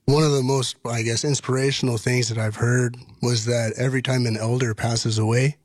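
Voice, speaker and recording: A man in his thirties from Washington state, a podcast guest who tells his story in an earnest, measured way. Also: medium pitch, level tone, no echo, studio quality. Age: 30s. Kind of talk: casual podcast conversation.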